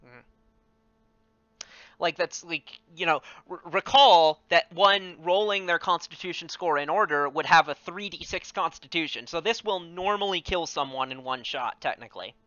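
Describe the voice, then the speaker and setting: Male game master, bright and smooth, halting delivery, dry dull audio. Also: a little high, no room sound. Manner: hesitant, many ums and restarts. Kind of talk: narrating a tabletop game. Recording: dry, muffled voice chat.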